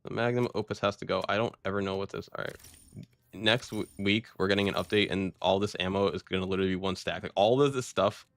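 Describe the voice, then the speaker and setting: A male gaming streamer talks over his match in a relaxed, chatty way. His voice sits somewhat low. He keeps it loose and casual, dropping slang as he plays. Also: fast talker, no echo. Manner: laid-back, chatty, says "bro" and "dude" often. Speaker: game streamer. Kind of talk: casual gameplay commentary.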